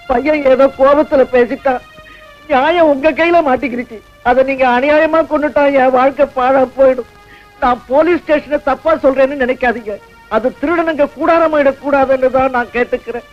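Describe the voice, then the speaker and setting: An older retired schoolteacher who begs the police for justice in a high, earnest voice. The film audio is dull, with faint music under it. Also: male voice, steady tone, normal speed. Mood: pleading. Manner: pleading, earnest. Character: pleading retired male schoolteacher. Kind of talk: dubbed film dialogue.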